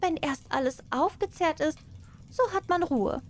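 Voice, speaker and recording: A woman's voice: high-pitched, measured pace, pitched above the performer's own voice. A woman voicing a sly, greedy female cat in a fairy tale, with a curt, brazen manner. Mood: smug.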